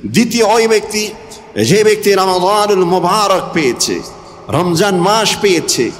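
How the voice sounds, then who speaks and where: A man's voice: high voice, normal speed, long reverb tail, a little hiss or hum. A man preaching a Bengali waz sermon, repeating phrases in rhythm and swinging his voice up and down for emphasis. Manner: rhythmic repetition, voice rising and falling for emphasis.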